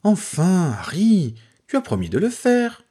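A man's voice: big pitch swings, a little fast, darkish tone, husky. A man putting on a patient, clever young woman. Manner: raised pitch, patient and sure.

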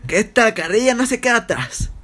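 A man's voice: very high voice, big pitch swings, fairly quick, fairly bright tone, full character voice. A man voicing a crude, boozy father, swearing and rambling. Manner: swearing, rambling, laughing through lines. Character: crude boozy father with mock Spain accent.

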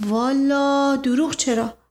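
A woman's voice: high-pitched, steady tone, a little mellow, voice pushed up, close to an everyday voice. A woman voicing a flustered, rambling old male servant who hedges and dodges questions. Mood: evasive. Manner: rambling, hedging with stock phrases.

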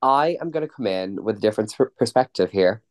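A man's voice: fairly low pitch, expressive, fast talker. A man hosting a podcast, chatting in a friendly, upbeat way with his co-host. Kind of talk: casual podcast chat.

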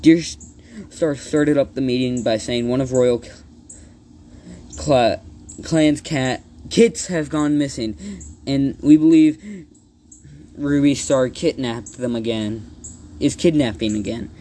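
A man improvising a story out loud, halting, with many restarts and self-corrections. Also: mid-range voice, a little hiss or hum.

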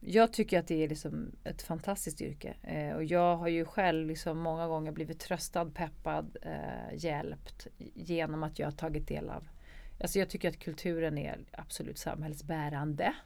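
A woman's voice: deep voice, fairly even intonation, gravelly, hardly any pauses, a little mellow, no echo. A woman actor and producer talking candidly in an interview, emphatic and swearing freely.

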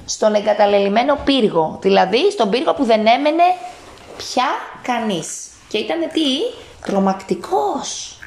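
A woman's voice: a little high, animated, gravelly, a little mellow, echoey room, a little hiss or hum. A woman at home reading a picture book aloud to a child, stopping often to ask questions.

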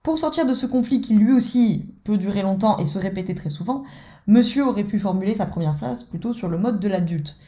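A woman's voice: mid-range voice, animated, a little fast, darkish tone. A woman coaching on relationship conflict, talking casually and addressing the listener directly. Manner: conversational, addresses the listener directly, acts out dialogues. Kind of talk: explanatory teaching talk.

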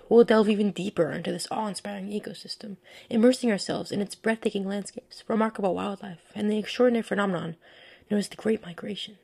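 A woman hosting a podcast in the style of a scripted nature documentary, with earnest, descriptive and measured storytelling. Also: medium pitch, vocal fry, a little mellow, husky. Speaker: podcast host.

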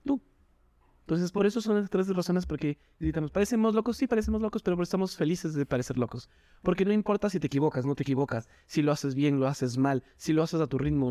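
A man, a doctor and Zumba instructor, talking with animated energy in a podcast interview, acting out quotes in a higher voice. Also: no room sound, clean studio sound. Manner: animated, jumps in pitch when quoting people. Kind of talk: enthusiastic interview talk.

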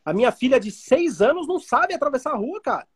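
Husky, animated Brazilian man explaining. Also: very high-pitched, fast talker. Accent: Brazilian Portuguese. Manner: animated, explains through everyday analogies. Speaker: day trading teacher. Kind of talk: casual podcast chat.

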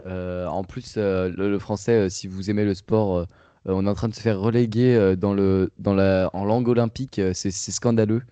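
A man's voice: fairly low pitch, steady tone, fairly quick, warm tone, clean tone, dry recording. A young man co-hosting a casual chat, talking with many fillers and restarts. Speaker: podcast co-host.

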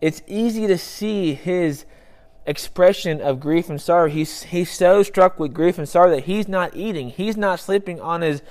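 A man's voice: high-pitched, moderate pace, a little mellow. A young man preaching a sermon in an earnest, conversational way, repeating phrases for emphasis. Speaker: pastor.

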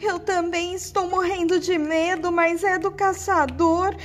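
A woman's voice: high voice, lively intonation, takes it slowly, voice pushed up. A woman doing a whiny pleading maned wolf. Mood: pleading, tearful.

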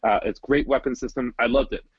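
A man's voice: medium pitch, fairly even intonation, fairly quick, husky, dry recording, muffled recording. A man co-hosting a casual podcast, talking in a chatty, easygoing way. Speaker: podcast co-host.

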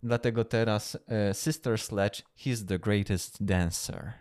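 A man's voice: fairly low pitch, fairly even intonation, slow, darkish tone. A man co-hosting a podcast, chatting casually, explaining things and joking along. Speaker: podcast co-host. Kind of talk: casual improvised chat.

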